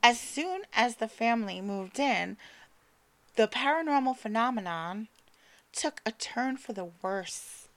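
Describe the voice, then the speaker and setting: Woman podcast co-host, slightly high voice, loose casual storytelling, trips over words and laughs it off. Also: lively intonation, a little slow, fairly bright tone. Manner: stumbles over names and words, laughs at herself; swears casually.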